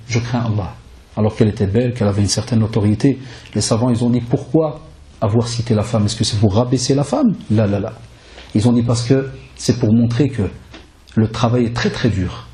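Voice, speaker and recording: A male preacher giving a sermon in a lively, conversational way, full of rhetorical questions and Arabic religious phrases. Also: medium pitch. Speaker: preacher and lecturer.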